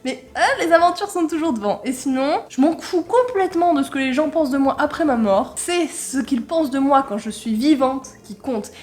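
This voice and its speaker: High-voiced playful French-speaking woman. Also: animated, moderate pace, few pauses, darkish tone. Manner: playful, jokey, laughs often; reads English words aloud with a loose accent. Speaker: vlogger. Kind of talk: casual commentary while taking an online quiz.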